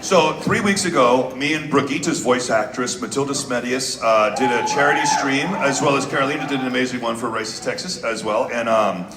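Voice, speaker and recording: A man on a convention panel, telling a lively anecdote into a microphone. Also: mid-range voice, fairly quick, few pauses. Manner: animated anecdote telling with impressions. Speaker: voice actor panelist. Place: large convention hall. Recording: echoey convention hall with noise.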